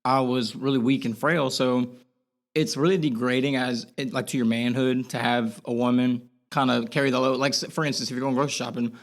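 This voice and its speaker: A young man with a Boston accent, a podcast guest talking candidly in a halting way, with many restarts. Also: medium pitch, fairly even intonation. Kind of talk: casual podcast interview.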